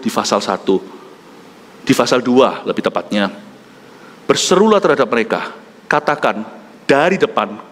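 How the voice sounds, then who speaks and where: A man preaching a sermon as pastor, talking in an animated way that swings from shouts to near whispers and mixes in English words. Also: mid-range voice, slight background noise. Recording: echoey hall with faint music.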